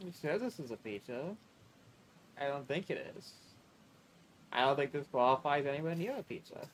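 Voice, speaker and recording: A man's voice: a little high, expressive, normal speed, slight background noise. A man streaming live, chatting casually and rambling, swearing freely and drawing out his words.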